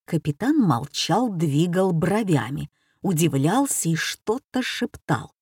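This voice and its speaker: A woman's voice: on the low side, sing-song, takes it slowly, darkish tone, husky, no room sound, studio quality. A woman narrating a humorous story as a reader, telling it expressively. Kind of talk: scripted narration.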